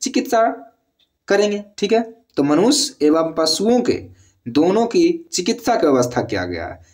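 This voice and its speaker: A man's voice: sits high, big pitch swings, normal speed, a little mellow. A man teaching an exam-prep lesson in speech, repeating key words again and again and checking in with the listener.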